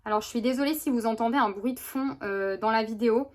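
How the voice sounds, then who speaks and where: A beauty vlogger talks casually through a makeup tutorial, chatty and rambling with lots of fillers and restarts. Her voice is on the high side and a little mellow, she talks fast, and a neighbor's lawnmower runs in the background.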